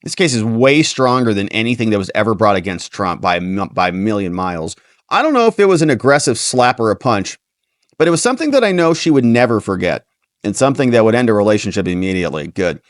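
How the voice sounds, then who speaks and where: A man hosting a livestream commentary, reading out a news story and cutting in with sarcastic remarks of his own. His pitch jumps around a lot as he reads, and the sound is dry and close to the mic. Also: fast talker, dry recording. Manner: animated, sarcastic asides. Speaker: host.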